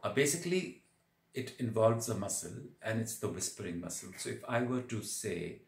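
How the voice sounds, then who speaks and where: Man, yoga teacher, lowish voice, halting deliberate explanations, roomy echo. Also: animated, creaky. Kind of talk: spoken instructional lesson.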